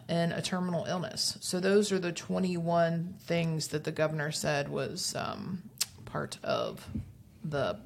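Low, creaky-voiced woman podcaster. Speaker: podcast co-host. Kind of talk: casual podcast discussion. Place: empty room of a new store studio. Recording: recorded in an empty room.

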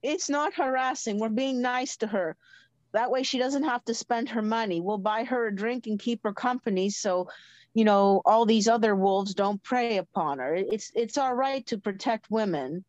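A woman's voice: a little high, normal speed, darkish tone, no echo, close to an everyday voice, poor audio. An insistent older man acted out by a woman in improvised story role-play. He rambles, repeats himself and goads in a folksy, old-fashioned way, recorded dry. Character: pushy, gleeful older man playing matchmaker, old-fashioned.

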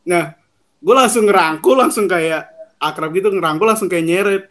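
Young man, high-pitched, relaxed slangy storyteller. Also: normal speed. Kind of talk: casual storytelling chat.

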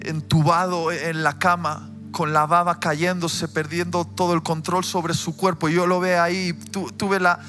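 A man preaching a sermon, telling a personal story and swinging from quiet storytelling to loud, impassioned preaching. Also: a little high, flat delivery, measured pace, few pauses. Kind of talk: emotional sermon testimony. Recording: music playing behind the voice.

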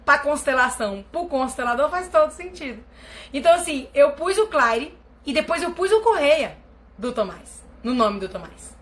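A Brazilian woman with a high voice talks casually to viewers on a live stream. Her delivery is animated, with her voice leaping up and dropping low as she tells stories. She speaks as a family constellation therapist. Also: normal speed. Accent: Brazilian Portuguese. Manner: animated storytelling with big pitch swings.

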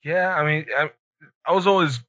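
Man, podcast host, casual, hesitant phrasing, bright tone, dull lo-fi recording. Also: on the high side, steady tone, moderate pace, no echo. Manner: hesitant, brief tentative replies. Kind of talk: casual chat. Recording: dull, dry lo-fi audio.

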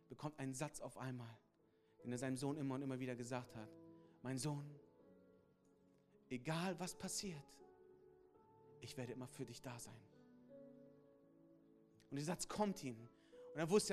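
A man preaching a sermon as a pastor, telling a story dramatically and dropping suddenly quiet before swelling loud again. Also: high-pitched.

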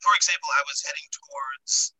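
A man asking rambling, hesitant questions in a casual remote conversation while his audio glitches into a robotic sound with sudden pitch jumps. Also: fairly even intonation, fairly quick, sharp tone, in a whisper, low-quality recording.

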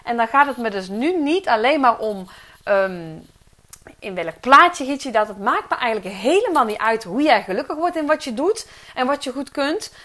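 Dutch woman coach, middle-aged, earnest solo podcast talk with fillers, slightly high voice. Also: expressive, normal speed, a bit bright. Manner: earnest, reflective, many fillers and restarts. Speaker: podcast host and career coach. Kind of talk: personal podcast monologue.

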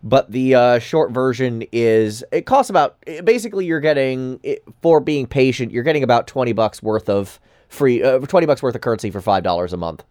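A man's voice: mid-range voice, expressive, fairly quick, few pauses, a little mellow, dry recording, studio quality. Frank man thinking aloud on a podcast. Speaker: podcast co-host. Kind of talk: casual gaming podcast chat.

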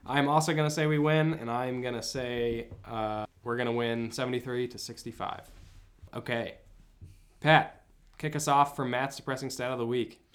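A man's voice: medium pitch, fairly even intonation, moderate pace, a bit bright. A man in his twenties hosting a sports podcast, easygoing, laughing along and moving the segments along. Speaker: podcast host. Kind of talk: casual sports chat.

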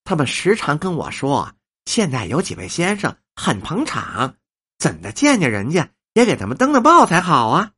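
A man doing a shrill, fawning old woman. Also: moderate pace, breathy edge, full character voice. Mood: gushing. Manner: shrill, gushing and flattering.

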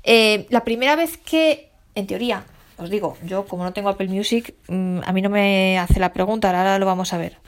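Woman podcast host, Spain Spanish accent, chatty tech tutorial, mid pitch. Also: normal speed. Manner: chatty, explains step by step to listeners.

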